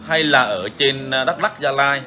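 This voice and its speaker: A man's voice: mid-range voice, moderate pace, noisy background. A man hosting a bird-keeping channel, talking casually and frankly to viewers, repeating himself often. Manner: frank, repetitive, chatty.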